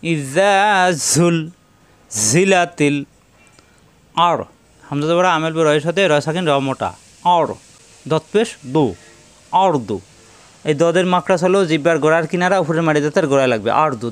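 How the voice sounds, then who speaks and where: A man leads a step-by-step tajweed lesson. He chants each verse slowly and melodically, then breaks it down letter by letter in quick spoken explanations. His voice is smooth and resonant, recorded dry and close. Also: on the high side, no echo. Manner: alternates slow melodic recitation with quick explanations of pronunciation. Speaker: Quran recitation teacher.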